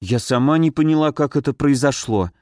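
A man's voice: mid-range voice, brisk, mellow, dry recording, natural voice. Confused young woman mage, in a male narrator's voice, dry sound, audiobook. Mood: bewildered. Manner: bewildered.

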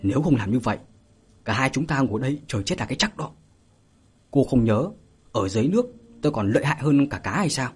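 A man voicing a quick-witted, reckless young male swordsman who speaks in urgent, pleading bursts. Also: mid-range voice, animated, slightly rough.

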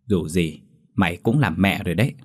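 A man voicing a gentle, nagging middle-aged mother who pleads with her daughter, in a spoken horror story. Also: deep voice, expressive, fairly quick, husky.

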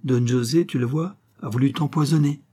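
A man reading an audiobook and voicing a cold, scheming mysterious man who speaks calmly and with command. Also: mid-range voice, moderate pace, breathy edge, voice pushed up, close to an everyday voice. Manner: icy, calm, commanding.

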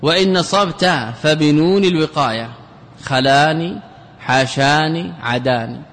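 A man, a scholar giving a traditional lecture on Arabic grammar, speaking deliberately, repeating key words and checking that students follow. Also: a little high, fairly bright tone. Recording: long hall reverb.

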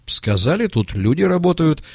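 A man voicing a brisk, insistent male sanitary inspector in a storybook reading. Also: on the high side, big pitch swings, dry recording, clean studio sound, pitched above the performer's own voice.

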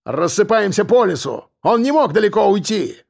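A shrieking convict gang boss. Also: male voice, expressive, normal speed, creaky, full character voice. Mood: commanding. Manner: bellowing, swearing, shrill shouting. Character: furious loud male convict gang boss. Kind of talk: audiobook character voice.

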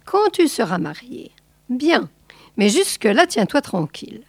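A woman's voice: a little high, very animated, measured pace, husky, no echo, voice pushed up, full character voice. A woman voicing a fussy, scheming middle-aged bourgeois mother who scolds her daughter. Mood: eager.

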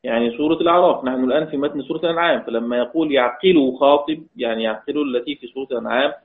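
A man teaching a recorded lesson on Quran recitation. He repeats key lines and quizzes his students, and chants the quoted verses slowly. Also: medium pitch. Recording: tinny phone-like audio.

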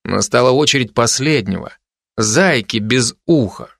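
A man narrating a children's fantasy story in an even, expressive reading. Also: mid-range voice, measured pace, gravelly, no echo, clean studio sound. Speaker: audiobook narrator.

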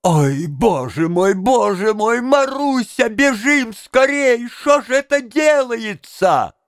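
A man's voice: very high-pitched, lively intonation, takes it slowly, voice pushed up, heavily acted. A man voicing a thin-voiced male tenor, a frantic bystander in a crowd. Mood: panicked.

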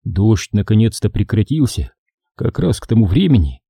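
A male audiobook narrator who reads at a steady, measured pace. His voice is very dark and husky and sits low. The recording is dry and close to the mic. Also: no echo. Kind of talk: scripted narration.

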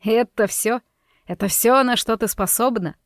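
A woman's voice: on the high side, measured pace, dry recording. A woman voicing a cruel, mocking young male mobster who threatens and taunts in a sinister tone, read in a dry, close audiobook sound. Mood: taunting.

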